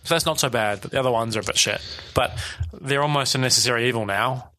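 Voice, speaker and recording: A man's voice: medium pitch, fast, pushed and bright. A man co-hosting a casual sports podcast, chatty and wry, full of ums and restarts. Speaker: podcast co-host. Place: home room.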